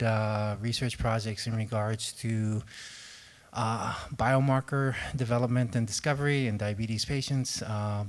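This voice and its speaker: A man from Hawaii, a physician and researcher, introducing himself on a panel and pausing often on fillers. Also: lowish voice. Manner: hesitant, many fillers.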